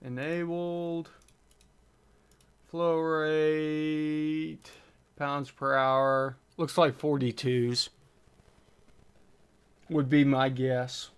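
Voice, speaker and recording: On a relaxed livestream, a male host fields chat questions about engine tuning, reading them out and reasoning aloud with lots of filler words. His voice is fairly high and smooth, delivered flatly at a very slow pace with frequent pauses.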